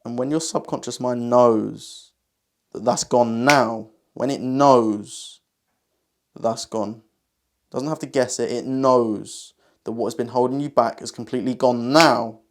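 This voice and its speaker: Slow, soothing male hypnotist. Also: mid-range voice, steady tone. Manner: slow soothing hypnotist delivery, repetitive, with pauses. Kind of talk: hypnotic induction, guided relaxation.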